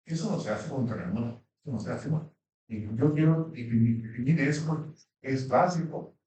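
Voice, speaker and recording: A man's voice: mid-range voice, normal speed, mellow. Earnest man lecturing in a hall. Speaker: panelist. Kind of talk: panel talk. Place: consulate event hall. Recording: echoey hall, distant mic.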